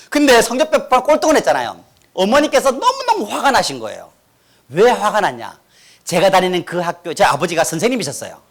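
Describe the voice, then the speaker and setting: Middle-aged man from North Gyeongsang, guest speaker; high, very expressive delivery, acts out voices, leads call-and-repeat. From Korea, North Gyeongsang. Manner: animated, acts out quotes, leads crowd in repeating. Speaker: guest speaker giving testimony. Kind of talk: humorous church testimony. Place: church hall with audience. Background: audience laughter.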